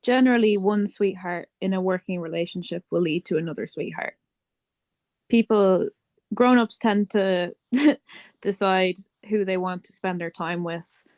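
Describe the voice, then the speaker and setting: A woman's voice: medium pitch, unhurried, a little mellow, dry recording. A woman with an Irish accent chatting fluently in a casual interview as a band member.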